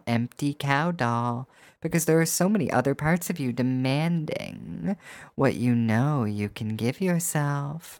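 In a dry recording, a medium-pitched voice with a clear, resonant tone delivers a scripted erotic hypnosis monologue straight to the listener. The adult performer is coaxing and teasing, using rhythmic, rhyming and repetitive phrasing.

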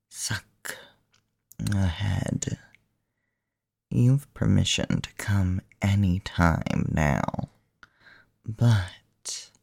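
A woman whispering slowly and teasingly into a close microphone, giving commands in an intimate roleplay. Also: extremely low pitch, creaky, warm tone, no echo. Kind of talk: whispered erotic ASMR roleplay.

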